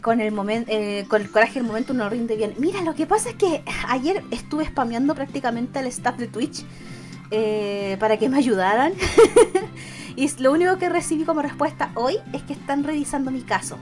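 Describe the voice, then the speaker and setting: A woman's voice: sits high, animated, moderate pace, darkish tone, soft background music. Giggly Chilean young woman streaming. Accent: Chilean Spanish. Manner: giggly, greets chat by name, swears casually. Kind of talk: casual live-stream chat.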